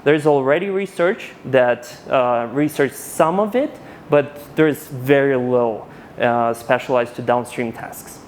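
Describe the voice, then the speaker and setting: A man in his thirties from Ukraine giving a conference talk with a handheld mic, animated and casual, often restarting his sentences. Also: medium pitch, slight background noise. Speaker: conference speaker. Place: conference hall.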